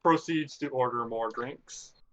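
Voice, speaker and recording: A man plays a tabletop game, chatting casually. He talks slowly and haltingly, searching for words. His voice comes through a dull lo-fi mic. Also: mid-range voice, a bit bright. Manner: hesitant, halting. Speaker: player. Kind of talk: casual play chat.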